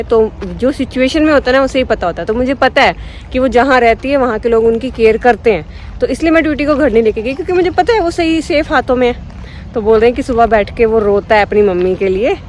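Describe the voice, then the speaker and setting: A young woman with a fairly high voice chats her way through a street vlog, filmed on a handheld phone. She cooes to the street dogs. Faint street noise sits behind her. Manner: chatty, cooing to street dogs. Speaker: vlogger. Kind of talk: casual vlog chat. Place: outdoors on a city street.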